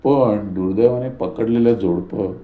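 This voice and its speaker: A man reading a story aloud in a calm, measured way. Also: lowish voice, phone-quality sound. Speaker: narrator. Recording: roomy echo.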